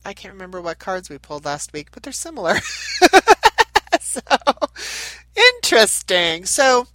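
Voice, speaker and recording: With huge pitch swings in a mid-range, fairly bright voice, a woman speaks unhurriedly to camera in a casual spiritual talk. She hosts a channel, reads cards, and sounds nasal while recovering from a head cold, wandering chattily with many restarts. There's no room sound.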